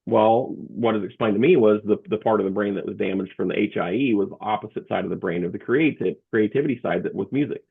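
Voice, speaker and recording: A man talking as an interview guest, a comedian and motivational speaker, telling his story in a halting way with many restarts over a remote call. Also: fairly low pitch, vocal fry, breathy edge. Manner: halting, with frequent restarts and fillers. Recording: tinny phone-like remote line.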